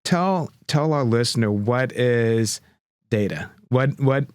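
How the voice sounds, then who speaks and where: A male podcast host with a smooth, resonant voice reflects back on his guest's words and asks open questions. He sounds affirming. The recording is dry and right on the mic. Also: mid-range voice, lively intonation, slow pace, no echo. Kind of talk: interview conversation.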